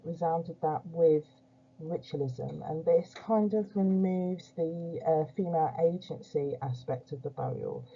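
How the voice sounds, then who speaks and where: A woman delivers an academic archaeology presentation, and she talks slowly and hesitantly, with frequent filler pauses. Her voice is deep and mellow in tone. The recording sounds muffled and lo-fi. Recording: dull lo-fi recording.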